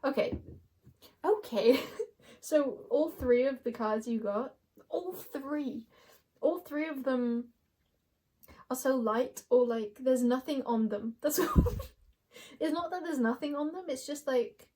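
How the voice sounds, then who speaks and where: A woman's voice: high-pitched, slow pace, pauses often, mellow. Giggly, musing woman reading cards. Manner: giggly, musing, talks to viewers as you guys. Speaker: tarot card reader. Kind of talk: intuitive card reading to camera.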